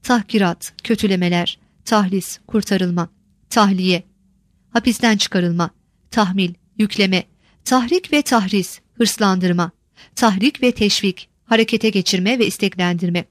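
A woman reading out a glossary of old words and their meanings in a measured, list-like way, lifting her pitch on each headword. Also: dry recording, clean studio sound.

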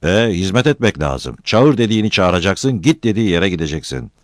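A man's voice: low voice, sing-song, fairly quick, no echo, studio quality, voice pushed up. A man voicing a self-important village headman who talks down and gives orders. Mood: bossy. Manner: bossy, patronizing.

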